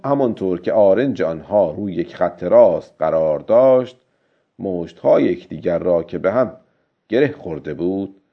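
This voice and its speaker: A man with a gravelly voice narrating a novel in a measured, steady reading, on a dull lo-fi recording. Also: on the low side. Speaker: audiobook narrator. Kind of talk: scripted narration.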